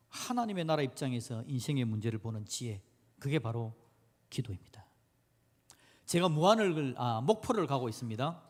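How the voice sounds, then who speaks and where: A male pastor preaching a sermon, animated, shifting between loud exclamations and quiet low asides. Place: church sanctuary. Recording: long church hall reverb.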